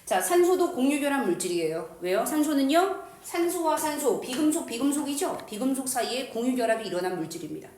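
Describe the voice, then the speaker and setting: This woman's voice sits high and sounds very animated, with a darkish tone, a slightly fast pace, and few pauses. She teaches chemistry in a lively, slangy classroom style, cracking crude jokes and answering her own questions to the class, all in an echoey room.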